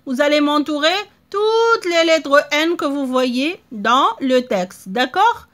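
High bright-voiced teacher, slow and clear. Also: female voice, lively intonation. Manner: slow, drawn-out word modeling with frequent checks. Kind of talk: reading lesson for young children.

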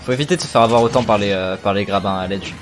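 A man's voice: on the low side, very fast. A man giving casual, analytical esports caster commentary, thinking aloud and repeating phrases. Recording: faint music behind voice.

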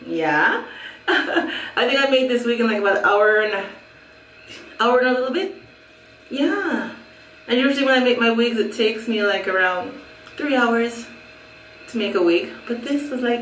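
Speaking in a high-leaning voice, this middle-aged Jamaican hair vlogger chats casually through a wig review indoors in a small room at home, with frequent laughter and repetition. The mic sits at a distance, so she's slightly off mic, the room echoes, and a little hiss or hum is audible.

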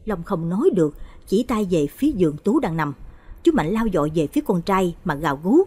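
Husky woman narrating a horror story. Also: fairly low pitch, brisk, no echo. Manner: expressive, dramatic storytelling.

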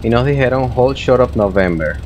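A man's voice: medium pitch, moderate pace. A man, a native Spanish speaker, giving a casual flight simulator tutorial as host and pilot, explaining and making radio calls. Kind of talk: casual screen-recorded tutorial narration. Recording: muffled, noisy, steady vehicle-like drone.

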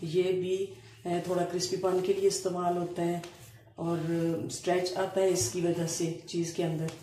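Calm low-toned woman, cooking demo. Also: moderate pace. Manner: calm step-by-step explaining with frequent hesitations. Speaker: cooking channel host. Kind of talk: home cooking demonstration. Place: home kitchen counter, indoors. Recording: echoey room with faint ambient noise.

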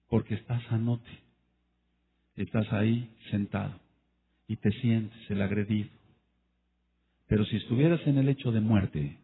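Male preacher, husky voice, emphatic delivery with loud peaks, phone-quality lo-fi sound. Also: on the low side. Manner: emphatic, rising to loud bursts; addresses listeners directly. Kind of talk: sermon with acted quotes. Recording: tinny phone-like lo-fi audio.

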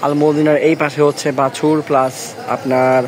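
A young man walking through a large covered cattle shed at night, filming on a handheld phone and excitedly narrating a tour. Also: on the high side, moderate pace, background noise. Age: young adult. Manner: excited, chatty, gushing over the animals. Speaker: vlogger touring a cattle farm. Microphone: handheld phone camera.

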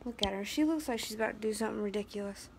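A woman's voice: mid-range voice, rapid-fire, a little mellow, a little hiss or hum. An American woman vlogging casually at home with a handheld phone, talking about her dog and scolding it now and then. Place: inside a house. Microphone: handheld phone camera.

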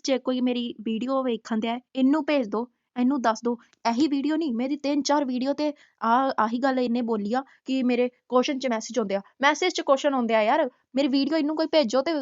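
A woman's voice: sits high, a little fast, no room sound, dull audio. A woman hosting a roast video, scolding and taunting with pointed rhetorical questions. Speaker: YouTube roast host.

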